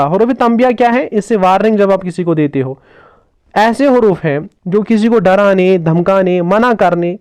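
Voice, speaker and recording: A man's voice: high-pitched, darkish tone, clear, resonant tone, no echo. A man teaching a grammar lesson for exams, asking questions and answering them himself, with English terms mixed into his explanations. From Jammu and Kashmir. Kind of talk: exam-focused grammar lesson.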